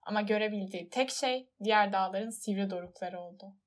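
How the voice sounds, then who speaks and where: A woman reads a storybook aloud in a measured, expressive narrating voice. Her pitch sits in the middle range and her delivery stays steady and even. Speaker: audiobook narrator.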